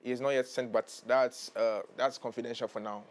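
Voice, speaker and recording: A man's voice: medium pitch, fairly even intonation, moderate pace. Hesitant young Ghanaian male musician. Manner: hesitant, repeats himself, earnest. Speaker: musician guest. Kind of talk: casual interview chat.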